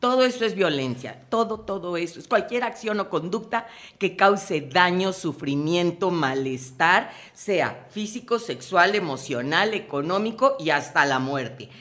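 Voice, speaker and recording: A woman with a Mexican accent, a guest commentator on a radio show, talking in a lively way and acting out short quoted scenes. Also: fairly low pitch, measured pace. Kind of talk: lively on-air talk.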